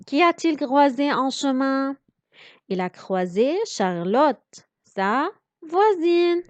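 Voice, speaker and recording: A woman teaching a reading lesson, her high voice swinging up and down as she drags out each syllable. She over-articulates every sound so learners can follow. The recording is dry and dull, with a lo-fi edge. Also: dry recording. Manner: slow, over-articulated, explaining pronunciation.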